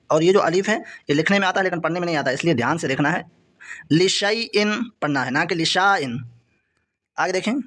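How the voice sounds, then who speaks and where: A man teaching Quran reading, drawing out each example word slowly and then explaining it quickly and repetitively. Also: high voice, fairly bright tone. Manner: reads example words slowly and drawn out, then explains rapidly; repetitive, patient step-by-step pointing. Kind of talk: explaining a lesson.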